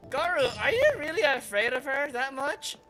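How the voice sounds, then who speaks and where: A woman streamer talking casually over gameplay with a high-pitched voice. Her asides come out wry and offhand as she reacts to the story. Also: big pitch swings, normal speed, fairly bright tone, faint music behind, poor audio. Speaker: gaming streamer.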